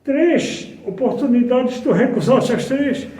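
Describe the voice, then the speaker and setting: A man voicing Jesus as a patient teacher who calmly and gently corrects his disciple, within a spiritist talk. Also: extremely high pitch, slow pace, voice pushed up, exaggerated voice. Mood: gentle reproach. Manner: calm, gently reproaching. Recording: roomy hall, distant mic.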